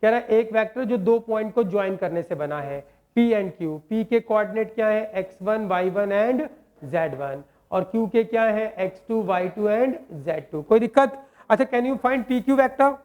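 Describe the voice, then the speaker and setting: A man teaching a maths lesson to a class in speech, quizzing students with quick questions and joking with them. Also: high-pitched, animated, lo-fi sound.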